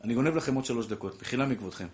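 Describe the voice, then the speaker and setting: A man's voice: medium pitch, lively intonation. Man preaching with rhetorical questions. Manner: preachy, rhetorical questions, addresses listeners fondly. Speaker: rabbi giving a Torah class. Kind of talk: animated Torah lecture.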